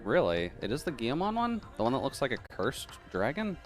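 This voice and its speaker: A man's voice: medium pitch, huge pitch swings, a little fast, faint music behind. A man with a metallic, tin-can robot filter on his voice, chatting casually with viewers and muttering to himself as he plays a game live. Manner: chatty, mutters while playing, reads chat aloud.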